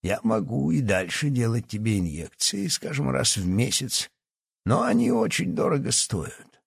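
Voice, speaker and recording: A man's voice: mid-range voice, very animated, a little slow, gravelly, husky, dry recording, studio quality, exaggerated voice. A man voicing a scheming old doctor who is secretly a villainous professor, speaking in a condescending, sly way in an audiobook. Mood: sinister. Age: over 60. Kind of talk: audiobook character acting.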